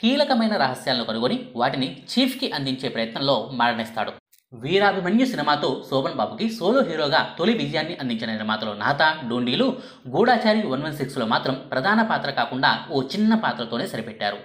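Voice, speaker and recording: Lively male narrator in an echoey room. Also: medium pitch, brisk. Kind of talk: scripted documentary narration.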